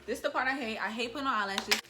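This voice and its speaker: A young woman talking casually through a makeup tutorial and telling a story in a chatty, animated way. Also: fairly high pitch, fast, music in the background. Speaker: beauty vlogger.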